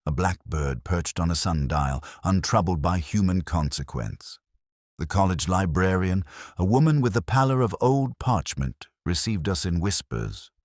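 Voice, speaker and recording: A man acts out a weary police inspector with an extremely low, expressive voice. He narrates a detective audio drama in measured, literary phrases, wry and melancholy. The sound is close and dry, with very little room on it. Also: dry recording. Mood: observant, wry. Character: weary, reflective male police inspector narrating his case.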